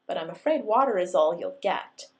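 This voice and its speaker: A woman voicing a shy but quick-tongued young woman barista, her voice lifted higher than her narration. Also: lively intonation, gravelly, a little mellow. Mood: flustered.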